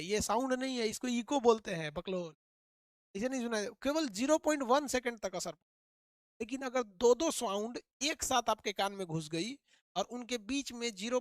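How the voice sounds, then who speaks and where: Male physics tutor, quick and repetitive, dry close recording. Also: high-pitched, fairly bright tone, dry recording. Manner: rapid, repetitive, quizzing the students. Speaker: physics teacher. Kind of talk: animated classroom lecture.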